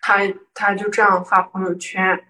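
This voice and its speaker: Young woman, from Guangzhou, casual storytelling, animated, indignant quoted lines, mic set at a distance. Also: medium pitch, normal speed, a little hiss or hum. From Guangzhou, southern China. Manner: animated, acts out quoted arguments with rising indignation. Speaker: guest telling a personal story. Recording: voice picked up from a distance.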